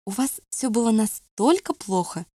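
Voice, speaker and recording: A woman's voice: fairly high pitch, animated, normal speed, mellow, dry recording, clean studio sound. A woman reading the questions of a curious young woman in an audiobook. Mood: probing.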